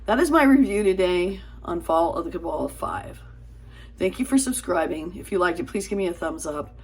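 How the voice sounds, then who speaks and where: A woman vlogger talks straight to her camera in a low, husky voice. Her speech is halting and earnest, full of fillers and restarts, and she pleads with her viewers. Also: animated, darkish tone. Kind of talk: casual talk to camera.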